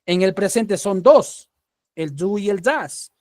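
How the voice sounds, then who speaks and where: A man's voice: high-pitched, expressive, takes it slowly, dry recording, clean studio sound. A man with a Peruvian Spanish accent teaching English grammar in an online class, patiently checking understanding with a rising question after each point.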